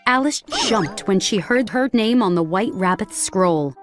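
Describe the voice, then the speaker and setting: A woman reading a children's storybook aloud in a clear, measured narration. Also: medium pitch, expressive, faint music behind.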